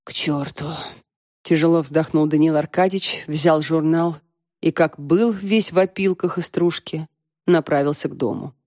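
Woman narrating an audiobook, mellow. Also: deep voice, dry recording, clean studio sound. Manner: measured storytelling. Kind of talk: scripted narration.

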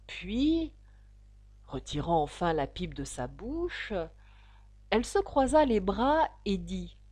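A woman reads a classic storybook aloud, taking her time, with a lively, rising and falling pitch. Her voice sits a little high, and the recording is dry and close. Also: breathy edge, no echo. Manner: slow, expressive reading. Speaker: audiobook narrator. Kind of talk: scripted storybook narration.

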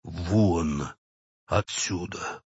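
A man voicing a gruff, irritable bank clerk who mutters low and seethes in a storybook reading. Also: unhurried, no room sound, highs cut off. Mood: gruff seething.

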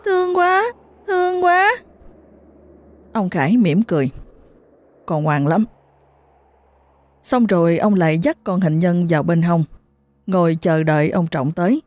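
Brief: woman storyteller, steady horror narration, warm dark tone. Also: on the low side, no echo.

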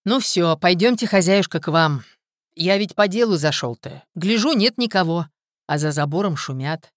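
A woman voicing a calm, stern male village hunter in an audiobook, speaking in a gruff, level, commanding way. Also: on the low side, moderate pace, no echo, studio quality, natural voice. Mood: reassuring.

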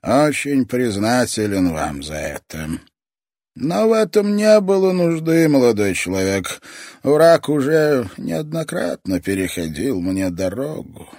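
A man voicing a frail, sinister old toy master who talks slowly and grows weaker as he goes. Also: medium pitch, very animated, darkish tone, no room sound, studio quality, voice pushed up. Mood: grave, menacing. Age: older.

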